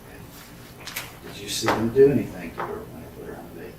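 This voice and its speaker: Playing a police interrogator, a man questions someone methodically and probingly, repeating answers back. His lowish voice swings widely in pitch and he talks fast. The echoey interrogation room and far mic leave the recording with heavy noise.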